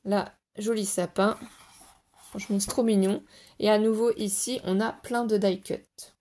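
A woman's voice: mid-range voice, fairly even intonation, unhurried, mellow. A woman vlogger showing off a scrapbooking haul in a casual, gushing way, her voice a bit worn. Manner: gushing, enthusiastic, repeats "trop mignon". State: voice going, clearing throat. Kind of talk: casual product haul show-and-tell.

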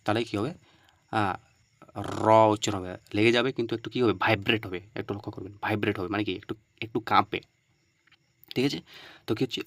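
Low-voiced man teaching letter sounds. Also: fairly even intonation, fast talker, long pauses, dry recording. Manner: repeats letter sounds loudly, asks and answers his own questions. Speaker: Quran pronunciation teacher. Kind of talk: step-by-step explanatory teaching.

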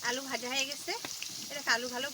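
Rapid-talking woman cooking at home. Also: sits high, flat delivery. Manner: talks very fast, rushes through. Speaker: home cook vlogger. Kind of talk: casual cooking vlog narration. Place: home kitchen. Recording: loud frying and background noise.

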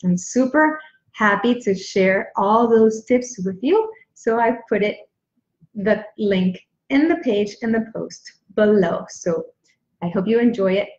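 A woman's voice: medium pitch, slow, a little mellow. An upbeat, emphatic woman in her forties, a speaking coach giving motivational tips straight to camera, stressing her key words. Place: small indoor room at home. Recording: roomy echo, dull lo-fi sound.

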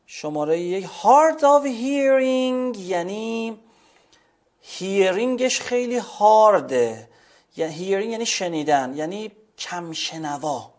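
Male teacher with a high-pitched voice, drills vocabulary, slow on English words. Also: a little mellow. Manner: reads English slowly, explains in Persian. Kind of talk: classroom vocabulary lesson.

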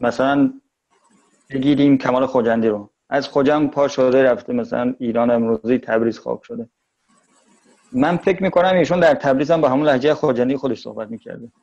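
A man from Tajikistan with a Tajik Persian accent, giving a thoughtful interview and slowing down to stress his points. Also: medium pitch, darkish tone, muffled recording.

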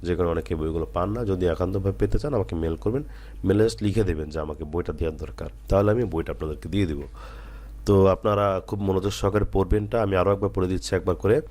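A man teaching Quran letter reading, slowly reciting drills and then explaining with patient, earnest repetition. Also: low-pitched, steady tone, dark tone.

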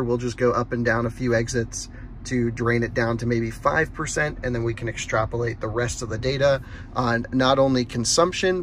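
A man's voice: mid-range voice, a bit bright, slight background noise. A man in his thirties hosting a casual car review, talking upbeat and explaining from inside a car. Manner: upbeat, explanatory, laughs often. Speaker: host.

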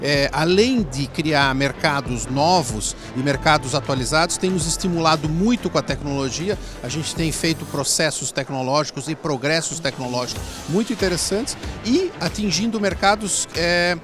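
A man's voice: a little high, moderate pace, few pauses, over music. A middle-aged man speaking upbeat in an interview, with small hesitations. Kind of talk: interview soundbite. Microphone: handheld interview mic.

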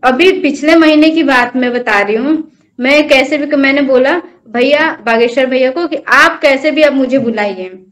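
A woman's voice: high voice, normal speed, a bit bright. A young woman earnestly recounting a personal devotional experience as an interview guest, telling it as a story. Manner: earnest, storytelling, addresses host as bhaiya. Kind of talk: personal testimony in conversation.

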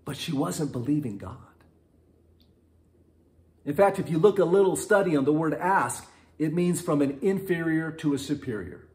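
Male pastor, casual teaching, voice leaps high with lively swings. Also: normal speed, pauses often. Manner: animated, rises high and loud when acting out quotes, laughs often. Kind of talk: casual online Bible teaching.

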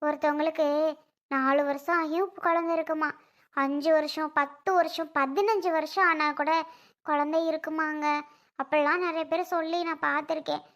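A woman playing a very high, soothing young wife. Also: steady tone, moderate pace, a bit bright. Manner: soothing, coaxing. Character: gentle young wife comforting her husband.

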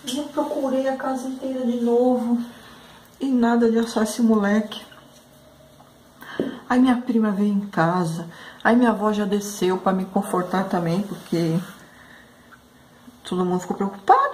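A woman's voice: on the high side, lively intonation, unhurried, pauses often, darkish tone, a little hiss or hum. A woman hosting a craft channel who chats through a story while she paints, talking emotionally and often calling out to her viewers. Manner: emotional, exclamatory, addresses viewers as "gente".

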